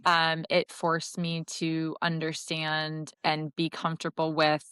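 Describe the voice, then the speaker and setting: A middle-aged woman from Connecticut talks through her career as a podcast guest, pausing to rephrase as she goes. Her voice sits low and sounds smooth and clear. The sound is dry and close. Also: completely flat delivery, fairly bright tone, no echo. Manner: thoughtful, self-correcting, with light laughs. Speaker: marketing executive guest. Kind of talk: casual interview talk.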